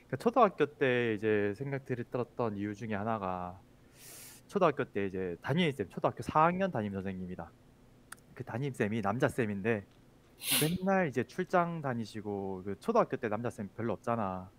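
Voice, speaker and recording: A man's voice: medium pitch, very animated, fairly quick. A man who is a teacher, chatting casually and telling a childhood story, with many fillers. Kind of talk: casual chat.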